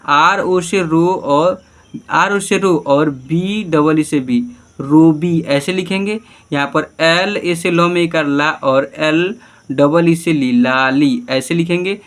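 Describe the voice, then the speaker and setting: Male online teacher, slightly high voice, patient, spells out names letter by letter. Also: slow pace, fairly bright tone. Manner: often says "okay" and checks understanding.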